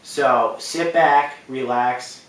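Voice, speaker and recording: Hosting a video game countdown, a man gives casual, unscripted commentary, stressing and repeating words for emphasis. His mid-range voice is fairly bright, with drawn-out words. He sits distant from the mic in a very roomy, echoey space.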